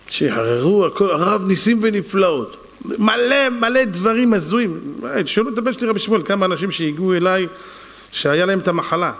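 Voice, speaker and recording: A man with a high, bright-pitched voice, a rabbi teaching a Torah lesson and acting out every character in his stories with lively swings. His voice rings with a long reverb, as if he speaks in a large hall. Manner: animated storyteller acting out dialogue.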